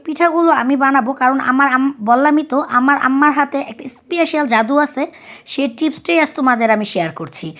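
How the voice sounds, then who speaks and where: A woman from Bangladesh talks through a home recipe, explaining each step as she goes. Her voice sits high, and her delivery is chatty and easygoing. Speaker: cooking vlogger. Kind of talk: recipe narration.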